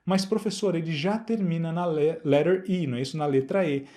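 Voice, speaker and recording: A middle-aged man with a Brazilian Portuguese accent, explaining an English grammar exercise as a teacher, repeating words slowly and checking in with the class. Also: on the high side, mellow.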